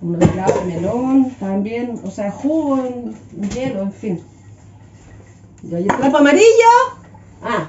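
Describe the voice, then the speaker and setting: A young Chilean woman vlogs from her home kitchen, talking in a fairly high voice. She complains in a joking, exasperated way and keeps it casual. The room sounds echoey and a little dull, with faint noise behind her. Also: lively intonation, unhurried. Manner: exasperated, joking rants with frequent laughs. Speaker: vlogger. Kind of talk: casual cooking vlog chat.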